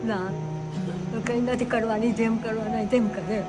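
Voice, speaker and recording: Tearful older woman, flat lament. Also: a little high, unhurried, over music. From Gujarat, India. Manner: lamenting, listing grievances. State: crying.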